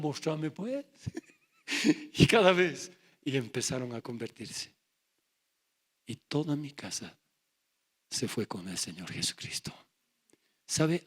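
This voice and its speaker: A man's voice: mid-range voice, gravelly, breathy edge. A middle-aged male pastor giving a sermon, telling his testimony and acting out his family's voices. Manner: acts out family dialogue in raised voices.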